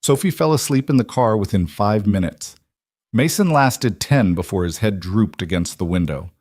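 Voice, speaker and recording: A man narrating a scripted story in an even, steady reading voice on a close microphone. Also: lowish voice, moderate pace, no echo.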